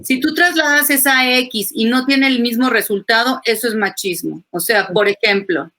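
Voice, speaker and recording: A woman's voice: a little high, normal speed, bright, forceful tone. A woman, a psychoanalyst, talking animatedly on a webinar panel and acting out quoted phrases.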